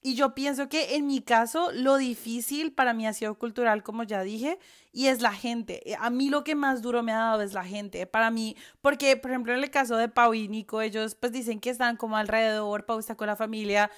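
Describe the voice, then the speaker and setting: A woman's voice: a little high, fairly quick. A woman from Colombia with a Colombian accent, chatting casually on a podcast and swearing freely. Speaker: podcast co-host.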